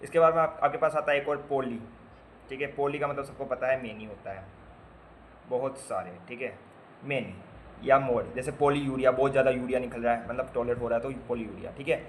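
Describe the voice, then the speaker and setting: With a faint hiss or hum in the background, a man of medium pitch lectures nursing students on basic medical terms. His tone is steady and his pace a little fast. The lecture is casual: he breaks words into parts, spells and repeats them, and tosses playful quiz questions at the class.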